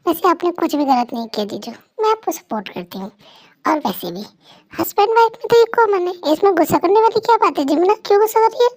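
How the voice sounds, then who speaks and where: A woman's voice: extremely high pitch, big pitch swings, quick pace, darkish tone, exaggerated voice. A woman playing a teasing, playful young female friend in a fan story role-play.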